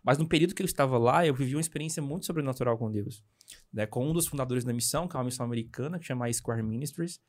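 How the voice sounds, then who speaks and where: A young Brazilian man, a missionary guest, telling his story in a casual interview with animated, hurried speech and frequent tag questions. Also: mid-range voice. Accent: Brazilian Portuguese.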